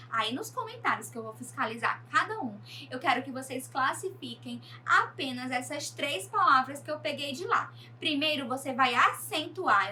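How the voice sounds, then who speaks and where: Casting: woman primary teacher, high, crisp voice, slightly distant mic, faint noise. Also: bright, forceful tone. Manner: slow, emphatic, addressing pupils directly. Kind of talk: online class lesson.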